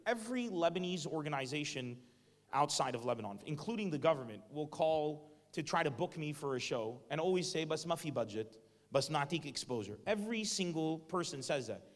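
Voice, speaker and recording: A man with a slightly high voice gives a joking, animated talk to a student crowd, firing questions at people in the seats. His voice rings out with a long echo from a big lecture hall. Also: brisk. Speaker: guest speaker, stand-up comedian. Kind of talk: motivational talk with audience interaction. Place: university hall before a student audience.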